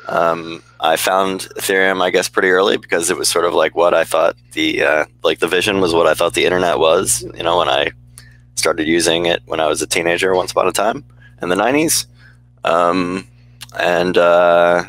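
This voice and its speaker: Low-voiced man moderating a video panel. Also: fairly bright tone, rough recording. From United States. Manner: loose, joking, lots of fillers. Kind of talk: casual panel chat. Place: home room on video call. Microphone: headset.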